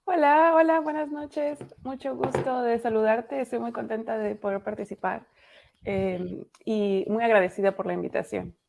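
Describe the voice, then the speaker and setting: Mexican woman author, gravelly voice. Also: a little high, fairly even intonation, darkish tone. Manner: chatty, lots of fillers and pauses. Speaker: author, interview guest. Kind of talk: casual interview over video call. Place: dark home room at night. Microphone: video call.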